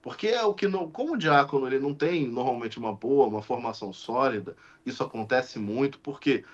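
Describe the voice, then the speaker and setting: A man's voice: mid-range voice, a little fast. A man, a deacon and podcast guest, telling a story in casual conversation and acting out the dialogue with many restarts. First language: Portuguese. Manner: animated, acts out quoted dialogue, frequent restarts. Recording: slightly muffled lo-fi audio.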